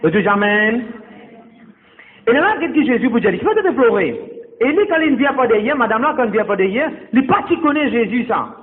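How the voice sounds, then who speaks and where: Speaking at normal speed in an extremely high, sing-song voice, a male pastor delivers a sermon in church, slipping English words into his speech. He exhorts the congregation directly, repeating himself, and the recording carries a tinny, echoey church hall quality.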